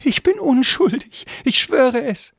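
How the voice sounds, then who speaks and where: A man voicing a frightened young male fairy servant who pleads in a high, frantic voice. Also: expressive, moderate pace, no echo, clean studio sound. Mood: pleading.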